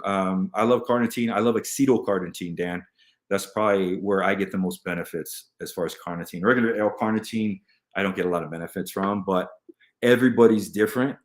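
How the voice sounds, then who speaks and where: A man with a lowish voice chats loosely on a live stream, drifting from point to point and restarting his sentences. His computer mic picks up a roomy echo. He answers viewer comments as they come in. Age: adult. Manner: rambling, jumps between topics with many restarts. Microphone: computer mic at a desk.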